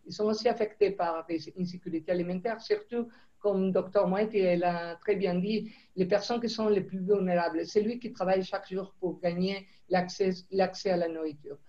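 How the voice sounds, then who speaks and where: A middle-aged woman with a foreign accent in French, not her native language, giving a halting briefing answer over a lo-fi video call. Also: on the low side, dark tone. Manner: halting, searching for words in non-native French. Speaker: food security official on a briefing panel. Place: indoor room, on a video call. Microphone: video call microphone.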